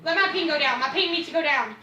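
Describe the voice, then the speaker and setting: A child playing a video game, chatting excitedly and casually in an animated, slangy, complaining way. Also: high-pitched, quick pace, dull audio. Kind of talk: excited casual gaming chat. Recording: echoey room, distant mic, faint noise.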